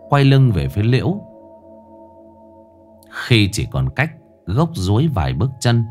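A man telling a ghost story with a highly animated, swooping delivery at a mid pitch. Faint music plays softly behind his voice. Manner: dramatic, expressive.

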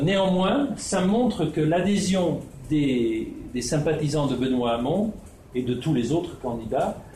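A man's voice: on the high side, mellow, a little hiss or hum. A man from the Netherlands, giving a spoken presentation as a researcher, hesitant with many fillers and restarts. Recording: echoey room with faint ambience.

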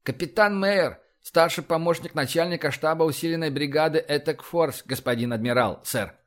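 A man's voice: a little high, moderate pace, voice pushed up, natural voice. A man voicing a nervous young starship officer who pleads and insists under questioning. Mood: anxious formal. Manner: flustered, pleading, breaks into shouting.

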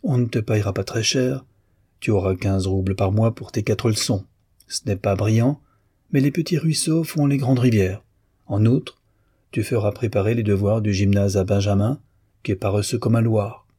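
Guy doing a teasing ironic doctor, kinda husky, dry close sound. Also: on the low side, moderate pace, dark tone, no room sound. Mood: wry. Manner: bantering, ironic. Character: wry amused male doctor, teasing and generous.

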